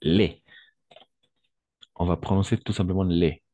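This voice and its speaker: Deep slow-talking male French teacher. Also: steady tone, mellow, no echo. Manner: slow, patient, repeats words for pronunciation drills. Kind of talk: online language lesson.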